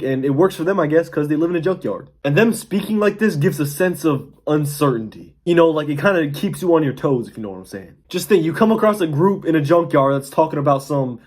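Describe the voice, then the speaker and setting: A man's voice: on the high side, darkish tone. A man giving casual, opinionated commentary in a loose, conversational way, recorded indoors. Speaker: YouTube commentator. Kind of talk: casual video-essay commentary.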